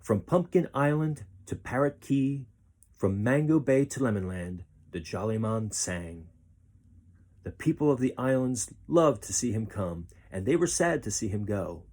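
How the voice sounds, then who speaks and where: A man with a mid-range voice narrates a children's picture book, taking a storyteller's approach with expressive, deliberate delivery.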